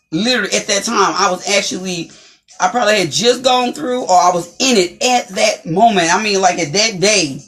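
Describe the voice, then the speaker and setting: A woman co-hosting a talk show, speaking in an animated, emphatic, preacherly way about faith and perseverance. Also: lowish voice. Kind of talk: inspirational faith-based chat.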